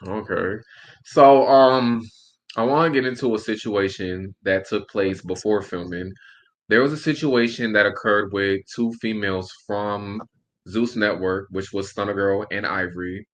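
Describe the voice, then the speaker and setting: A man's voice: lowish voice, unhurried, low-quality recording. A man from upstate New York interviewing a guest in a casual, conversational style. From Albany, New York, also Brooklyn and Long Island.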